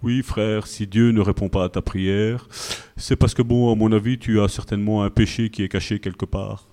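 A man's voice: lowish voice, steady tone, moderate pace, dark tone, pitched below the performer's own voice, close to an everyday voice. A pastor voicing a self-righteous male believer who tells a friend his hidden sin is to blame. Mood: condescending. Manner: condescending, preachy. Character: smug, pious male believer lecturing a friend.

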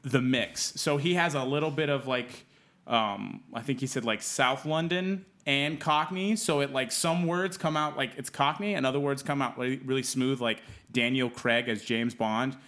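Man, young adult, podcast co-host, rambling casual chat, mid pitch. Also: moderate pace, a bit bright. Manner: rambling, lots of "like" fillers.

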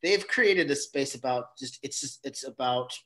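A middle-aged man, medium in pitch with a fairly bright tone, speaks at a normal speed. He's a guest on an interview show, chatting casually and ramblingly about his theater company's new work and regularly restarting his sentences.

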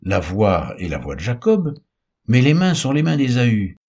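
A man's voice: mid-range voice, huge pitch swings, measured pace, darkish tone, dull audio, voice pushed up, exaggerated voice. A man reading the part of an old blind father who gives a solemn blessing and questions his son. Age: older.

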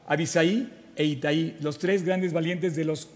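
A man preaches in a high, bright-edged voice. He reads scripture aloud and retells it with animated asides and frequent restarts. His voice carries a long reverb, as if from a church hall. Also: measured pace. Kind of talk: sermon with Bible reading.

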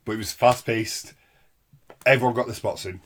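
A man's voice: medium pitch, fairly even intonation, normal speed. A man co-hosting a casual podcast, chipping in with short comments. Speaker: podcast co-host. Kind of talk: casual chat, short interjections.

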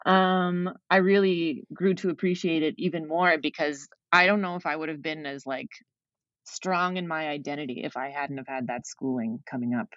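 A woman's voice: sits low, steady tone, moderate pace, fairly bright tone, no room sound, dull audio. A young woman from Kanehsatake, chatting casually as an interview guest and laughing often, with many "like" fillers. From Kanehsatake, Quebec, Canada. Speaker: guest, game developer.

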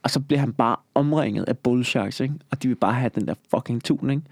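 A man's voice: mid-range voice, darkish tone, dry recording, clean studio sound. A man co-hosting a casual podcast, joking around, laughing often and swearing casually. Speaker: podcast co-host.

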